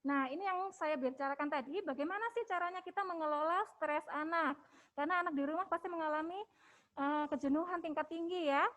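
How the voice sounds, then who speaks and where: A woman with an Indonesian accent and a high voice gives a webinar talk to parents. She speaks gently and coaxingly, often closing her phrases with a soft "ya". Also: fairly quick. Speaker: hospital health educator.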